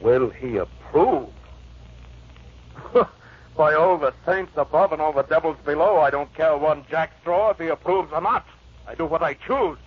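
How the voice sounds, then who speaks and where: A brooding, vengeful lover in an old radio drama. His low, husky voice is scoffing, scornful and full of menace, on a muffled recording. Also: lively intonation, normal speed. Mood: scoffing defiance.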